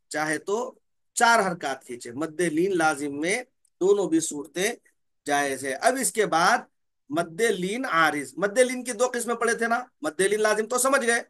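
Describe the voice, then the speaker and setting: A man's voice: high voice, expressive, fairly bright tone. A man teaching the rules of Quran recitation, repeating key terms and asking and answering his own questions. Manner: drawls out letter names slowly. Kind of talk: slow explanatory lesson.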